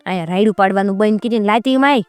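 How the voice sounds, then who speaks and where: A woman's voice: medium pitch, very fast, a little mellow, no room sound, faint music behind, natural voice. A woman voicing a cautious young carpenter in a folk tale, scolding his friend urgently. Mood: urgent hushing.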